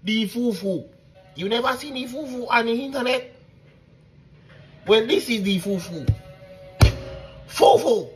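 A man's voice: extremely high pitch, lively intonation, unhurried, pauses often, faint music behind. A man from Jamaica hosting a casual comic food-tasting video, chatting playfully and asking viewers directly for help.

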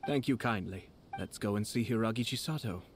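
A man playing a courteous, composed young clan lord in a video game, with formal, measured phrasing. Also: fairly low pitch, very noisy, lightly acted.

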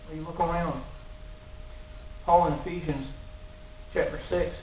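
An unhurried middle-aged man with a voice on the high side preaches earnestly as a lay preacher, his intonation fairly even as he builds to emphatic warnings. He stands before a cross in a small church room, using a stand mic close to his mouth. The tinny, echoey recording sounds distant, with a faint hiss.

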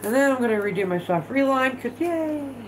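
Her pitch is high and her delivery animated and slightly rapid, captured on a lo-fi recording with a faint hiss or hum. She is a woman in her thirties running a laid-back home livestream from the living room, nose blocked by allergies, frank and foul-mouthed while working on something by hand.

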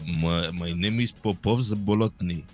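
A man's voice: low voice, unhurried, soft background music, pitched below the performer's own voice. A man voicing a boastful Russian gangster rapper in broken French, with a put-on Russian accent. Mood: mock-proud. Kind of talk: improvised role-play voice.

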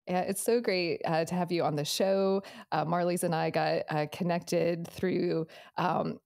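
A woman's voice: fairly low pitch, fairly even intonation, measured pace, creaky, darkish tone, no echo, clean studio sound. A woman hosting a podcast, reading an intro and then chatting eagerly with her guest. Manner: enthusiastic, many fillers in chat. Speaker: podcast host. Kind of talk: scripted intro then casual chat.

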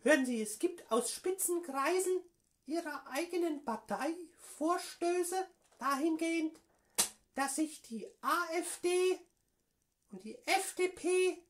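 A man's voice: very high voice, animated, slow, fairly bright tone, voice pushed up, exaggerated voice. A man voicing a pushy, mock-official woman party envoy on a prank phone call, insistent and evasive. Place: small room at home, indoors.

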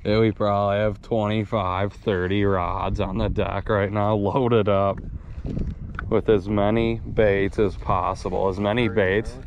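A man's voice: fairly low pitch, a little slow, dull audio, a little hiss or hum. A man in his thirties talking casually and upbeat while fishing from a boat on a lake. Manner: relaxed, chatty, upbeat. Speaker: fishing vlogger. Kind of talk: casual on-the-water commentary. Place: boat on a large lake, outdoors.

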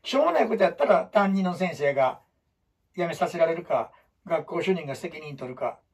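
Kansai man teaching storytelling, lively swooping delivery, husky voice, recorded from a distance. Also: a little fast. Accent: Kansai (Osaka). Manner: animated, emphatic, shifts between loud bursts and low asides. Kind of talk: lecture to students.

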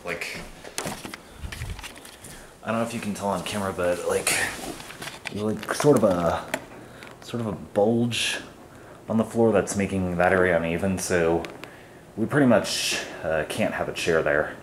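Young guy with a really deep voice, rambling thru his house on a handheld cam, noisy. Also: measured pace, pauses often. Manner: rambling, loose, lots of fillers. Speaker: vlogger. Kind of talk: casual home tour. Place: carpeted family house indoors. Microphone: handheld camera mic. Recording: noisy handheld camera audio.

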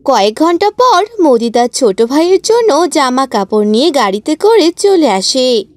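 High-pitched lively woman narrator. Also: moderate pace, no echo. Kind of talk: scripted cartoon story narration.

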